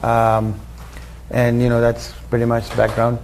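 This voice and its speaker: Flat-voiced Sri man, late fifties. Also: mid-range voice, gravelly, a little hiss or hum. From Sri Lanka. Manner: measured, reflective, many fillers. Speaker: former international cricketer. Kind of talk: press conference remarks. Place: press conference room.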